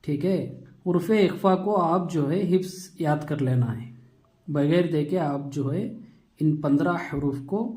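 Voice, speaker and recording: A man teaching a Quran reading lesson step by step, patiently repeating terms and stretching sounds slowly to show them. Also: a little high, warm tone.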